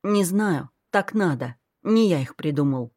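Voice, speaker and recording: A wry, world-weary young man, read by a woman narrator in a storybook. The delivery is dry and matter-of-fact, on the lower side of her voice. It sounds close and dry. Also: animated, unhurried, darkish tone, no room sound. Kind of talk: audiobook character voice.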